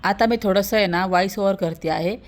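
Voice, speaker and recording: Talking fast at a medium pitch, this Marathi-accented woman records a casual phone vlog at home. The topic is personal, and her telling is emotional and meandering, packed with filler words.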